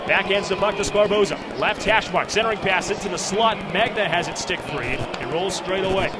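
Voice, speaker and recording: Heavy background noise surrounds this brisk, high-voiced man as he does live hockey commentary for radio. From his perch high above an arena rink, he calls the action in clipped present tense, getting excited whenever something big happens.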